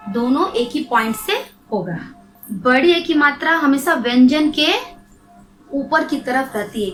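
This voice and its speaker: Bright high-voiced woman teaching slowly. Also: echoey room, low-quality recording. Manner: slow, drawn-out syllables, asks and answers her own questions. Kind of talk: children's Hindi grammar lesson.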